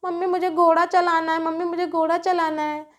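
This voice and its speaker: A woman's voice: very high-pitched, level tone, a little fast, voice pushed up. A woman voicing Pari, a timid, tearful little girl doll in a doll play story, with a whiny, pleading way of talking.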